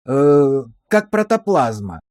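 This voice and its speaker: A man playing a nervous sailor who gives halting, colloquial testimony. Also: mid-range voice, sing-song, a little mellow, no echo, clean studio sound. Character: nervous young sailor confessing to police.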